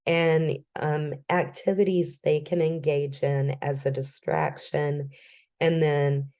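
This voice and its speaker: A woman giving a recorded educational presentation in a calm, measured way, with frequent "um" fillers. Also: low-pitched.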